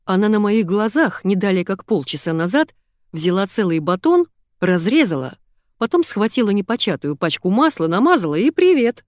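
Woman voicing a brusque young man, impatient, bossy, animated delivery. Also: mid-range voice, normal speed, no room sound, clean studio sound, close to an everyday voice. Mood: sarcastic. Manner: brusque, commanding.

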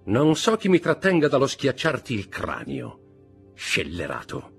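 A man's voice: mid-range voice, expressive, slightly rough, faint music behind, pitched above the performer's own voice. A man doing a stern, commanding count. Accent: Italian. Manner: commanding, accusing, measured. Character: stern, cold nobleman disguised as a priest. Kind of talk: audiobook character reading.

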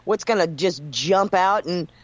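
A man's voice: sits high, lively intonation, unhurried, no room sound. Agreeable co-host man, dull dry sound. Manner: agreeable, chimes in briefly. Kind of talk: casual talk show chat.

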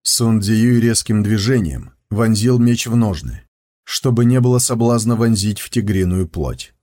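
A man reading an audiobook with steady, measured scripted narration. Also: on the low side.

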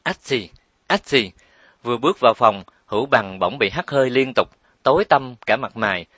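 A man narrating a romance story with steady, expressive storytelling. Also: medium pitch, fairly quick, no room sound. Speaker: audiobook narrator.

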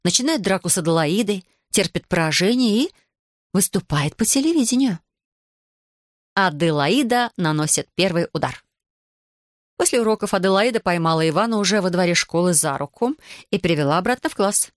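A woman reading a children's book aloud as narrator, lively and expressive. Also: fairly low pitch, a little fast, dry recording, clean studio sound. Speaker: audiobook narrator.

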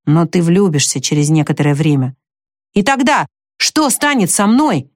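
A woman's voice: on the low side, very animated, normal speed, dry recording. Hot-headed young man in love, earnest and choked, voiced by a woman, dry sound. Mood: lovesick.

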